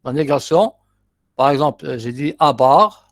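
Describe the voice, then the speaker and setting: Medium-pitched and speaking at normal speed, this middle-aged Algerian-accented lecturer guides a university class through exercises one step at a time. He repeats key terms and slips in brief asides, with no room sound in the recording.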